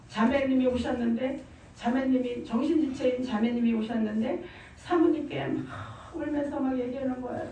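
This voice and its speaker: A woman's voice: high-pitched, mellow, slight background noise. A middle-aged woman giving a fervent church testimony, emphatic and repeating her phrases. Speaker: testimony speaker. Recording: very echoey room, far from mic.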